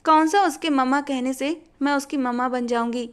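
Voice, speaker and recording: A woman's voice: high voice, fairly even intonation, moderate pace, clear, resonant tone, lightly acted. A woman voicing a stubborn, tearful young woman. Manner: pleading and defiant.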